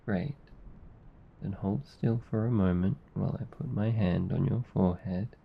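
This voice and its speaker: A man with an Australian accent playing a gentle, affectionate, protective demon in an intimate, soothing ASMR roleplay. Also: fairly low pitch, normal speed, vocal fry, husky, lo-fi sound. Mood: reassuring, coaxing. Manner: soft, intimate, soothing, teasing. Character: gentle, affectionate male sleep paralysis demon, protective comforter.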